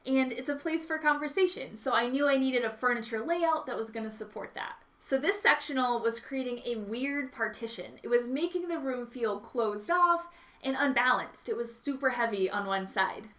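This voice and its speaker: A woman's voice: a little high, animated, normal speed, fairly bright tone. A woman hosting a home makeover vlog with upbeat, enthusiastic, gushing DIY narration.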